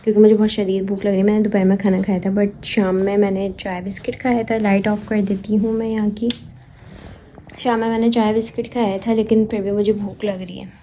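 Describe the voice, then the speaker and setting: Young female vlogger, casual chatty home video, deep mellow tone. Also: level tone, fairly quick, slight background noise, rough recording. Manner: chatty, addresses viewers directly, mixes English words. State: tired and out of breath. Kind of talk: casual vlog chat.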